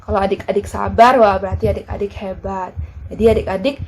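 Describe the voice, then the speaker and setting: A woman teaching a children's church lesson, asking the kids questions in a lively, simple way. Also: medium pitch, quick pace, a little hiss or hum.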